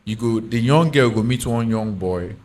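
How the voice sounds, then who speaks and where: A man's voice: mid-range voice, normal speed, darkish tone. Emphatic Nigerian man arguing in Pidgin. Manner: emphatic, often checks the listener understands. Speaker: podcast panellist. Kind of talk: opinionated panel discussion in Nigerian Pidgin and English.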